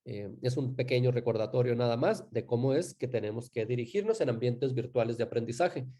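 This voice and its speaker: A man teaching a live online class, talking in a relaxed way with frequent fillers and self-corrections. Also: mid-range voice, fairly quick.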